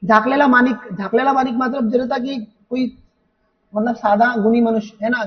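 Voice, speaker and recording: A man's voice: extremely high pitch, recorded from a distance. A man teaching an exam-preparation lesson who explains patiently, repeats points and keeps asking the students rhetorical questions. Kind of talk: exam paper walkthrough lesson. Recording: dull sound, voice from off the mic.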